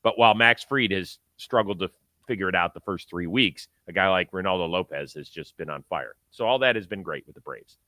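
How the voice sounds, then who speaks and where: A man hosts a sports talk show in a lowish, bright and forceful voice. His commentary is conversational and punchy, recorded close and dry. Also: a little fast, dry recording.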